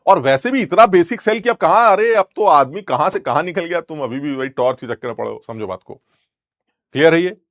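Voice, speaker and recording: A man's voice: fairly high pitch, animated, fairly quick, a bit bright, dry recording, studio quality. A young male chemistry teacher, rambling and joking as he scolds his students playfully. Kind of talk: lecture with teasing asides.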